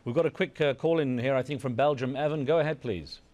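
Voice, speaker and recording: A male host running a broadcast interview and bringing in callers briskly. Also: mid-range voice, darkish tone, muffled recording.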